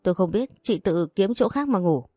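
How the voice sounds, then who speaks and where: A woman's voice: mid-range voice, expressive, moderate pace, warm tone, no echo, studio quality, soft background music, close to an everyday voice. A woman voicing a spoiled, sneering young sister-in-law. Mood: whiny. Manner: mocking and boastful.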